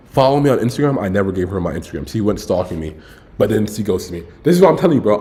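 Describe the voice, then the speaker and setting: A fairly low, dark-toned voice comes from a man in his early twenties chatting to his stream. His story wanders, he keeps correcting himself, and he stays laid-back and slangy, tossing in "bro" often.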